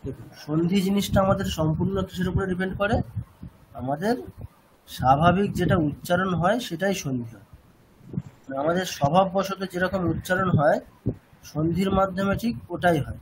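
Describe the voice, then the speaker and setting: A man with a West Bengal Bengali accent explains a Sanskrit chanting lesson to students in a high voice at normal speed. He poses rhetorical questions and repeats his points over a noisy background.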